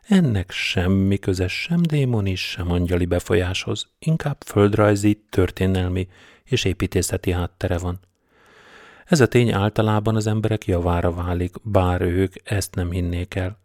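A man narrating an audiobook in a measured, deadpan storytelling manner. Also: deep voice, no room sound, studio quality. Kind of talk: scripted narration.

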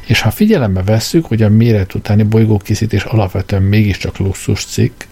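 A man voicing a melancholy, politely spoken old man who talks calmly. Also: on the low side, creaky. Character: sad, courteous, unhurried old man.

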